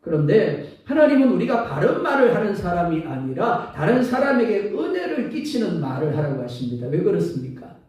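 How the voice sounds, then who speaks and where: A male pastor preaching a sermon with an animated delivery, acting out everyday sayings, his throat a little sore. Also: high-pitched, a little fast, few pauses. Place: church sanctuary. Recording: echoey church hall from far off.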